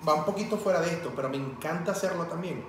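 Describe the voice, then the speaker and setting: A man's voice: a little high, very fast. A man with a Venezuelan Spanish accent chatting casually, telling stories and acting out the voices of the people in them. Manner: animated storyteller acting out quoted dialogue. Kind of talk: casual chat. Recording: echoey room, far from mic, faint noise.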